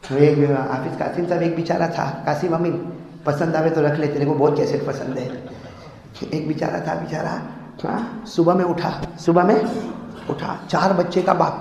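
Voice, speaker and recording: A man from India preaching in a mosque, telling humorous stories and calling on the congregation to answer aloud, swinging between shouted exhortation and hushed storytelling. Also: on the high side, highs cut off. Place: mosque hall. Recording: echoey long reverb of a mosque hall.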